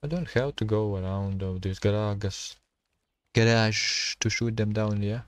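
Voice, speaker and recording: A man streaming a survival game, talking to himself and his chat in halting, while he plays. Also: fairly low pitch, steady tone, clean tone. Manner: halting non-native English, thinking aloud while playing. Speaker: gaming streamer. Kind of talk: casual gameplay commentary.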